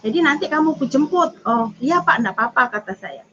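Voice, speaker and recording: A woman's voice: high voice, animated, fairly quick, bright, forceful tone, slight background noise. A woman from Java telling a personal testimony, animatedly acting out both sides of the conversations she recalls. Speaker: testimony speaker. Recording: dull lo-fi audio.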